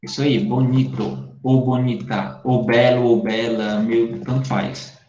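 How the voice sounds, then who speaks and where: Faint music plays behind a man teaching English online in Brazilian Portuguese, whose medium-pitched, slightly mellow voice is slow and flat. He explains patiently and keeps checking in with students. The computer-mic video-call sound is echoey, dull and lo-fi.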